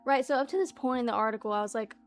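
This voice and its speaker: A woman's voice: a little high, rapid-fire, soft background music. A young adult woman streaming casually, chatting playfully with lots of fillers and reading an article aloud to her viewers.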